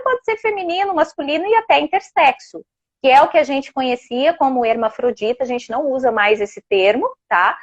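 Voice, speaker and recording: A woman with a Brazilian Portuguese accent, explaining sex education in a casual, animated way and often checking in with her listener. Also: high voice, highs cut off. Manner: animated, explanatory, uses many tag questions. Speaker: sex education guest expert.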